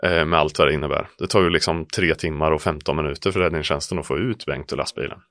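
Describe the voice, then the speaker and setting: A man's voice: rumbling low, fairly even intonation, fairly bright tone, no echo, clean studio sound. A man from Sweden who owns a trucking company, earnestly recounting a frightening event step by step as a podcast guest. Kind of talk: personal account in a podcast interview.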